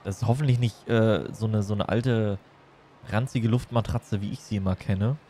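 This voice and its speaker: A man's voice: on the low side, fairly even intonation, moderate pace, warm tone. Playful man streaming over noisy game ambience. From Germany. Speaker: livestreamer. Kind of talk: casual chat while streaming a game.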